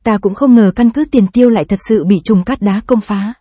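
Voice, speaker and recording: A woman reading the lines of a calm, self-assured four-armed male preacher who casts spells, in an audiobook. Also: mid-range voice, fairly quick, husky, no room sound, close to an everyday voice.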